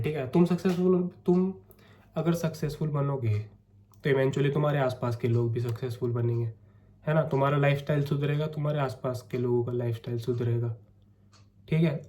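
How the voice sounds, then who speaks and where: A man's voice: medium pitch, fairly even intonation, fairly quick, mellow. A young man with a sore, coughing throat, chatting to camera in a casual vlog and coaxing his viewers. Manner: chatty, coaxing, keeps saying "theek hai". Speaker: vlogger.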